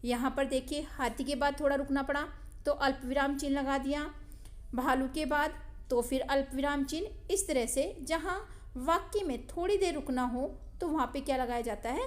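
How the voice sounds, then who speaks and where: A woman teaching a grammar lesson to children, speaking slowly and deliberately, asking the class questions and answering them herself. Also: sits high. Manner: slow, deliberate, addresses children directly.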